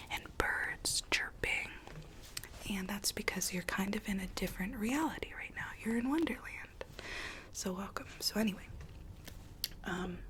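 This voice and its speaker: Woman playing a slow, whispering Alice from Wonderland. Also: mid-range voice, lightly acted. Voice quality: soft, breathy whisper. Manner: slow, hushed, repeats words soothingly. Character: Alice from Wonderland, weary, rogue, gently coaxing young woman. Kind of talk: whispered ASMR roleplay.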